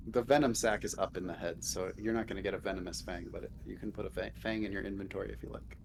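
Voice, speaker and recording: A man acting as game master, narrating the scene and giving rulings in a relaxed way between laughs. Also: sits low, quick pace, vocal fry. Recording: noisy home recording.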